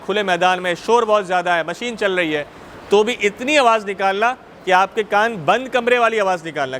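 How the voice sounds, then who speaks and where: Mosque teacher, Pakistani Urdu, male, repeats his points and checks the class, bright tone. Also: sits high, a little hiss or hum. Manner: repetitive, checks students' understanding. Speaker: religious teacher. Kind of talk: Islamic jurisprudence class.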